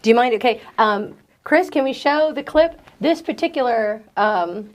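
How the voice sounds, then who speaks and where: A woman's voice: fairly high pitch, lively intonation, moderate pace. Chatty woman hosting an interview. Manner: chatty, hesitant, full of fillers and restarts. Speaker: interview host. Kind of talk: casual interview chat.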